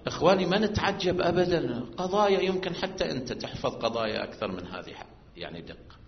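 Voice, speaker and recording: A man preaching a sermon, moving from quiet storytelling to loud, drawn-out chanted emphasis. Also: fairly high pitch, big pitch swings. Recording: muffled, echoey hall recording.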